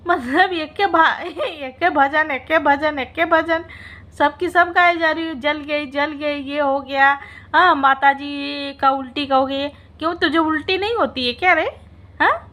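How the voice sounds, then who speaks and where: High-pitched mocking woman vlogger. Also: unhurried, bright, forceful tone. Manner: mocking and teasing, breaks into laughter; mock-dramatic wailing. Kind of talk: casual reaction vlog.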